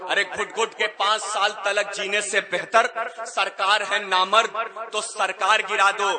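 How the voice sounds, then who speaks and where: A man, a poet reciting verse at a live mushaira, declaiming and building to shouts. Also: sits high. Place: outdoor stage before a crowd. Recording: crowd noise at a live event. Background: cheering crowd.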